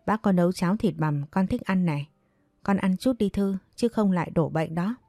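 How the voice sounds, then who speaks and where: A woman voicing a kind older neighbor woman who speaks softly and comforts a grieving girl. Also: lowish voice, moderate pace, no echo, clean studio sound. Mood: comforting. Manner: soft, comforting, hesitant. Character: kind elderly neighbor woman, gentle and caring.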